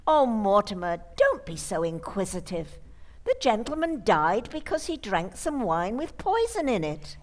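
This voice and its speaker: A woman's voice: mid-range voice, big pitch swings, a little slow, a little mellow. A woman playing a sweet, dotty, unflappable old aunt in an old-time radio play. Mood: calmly unbothered.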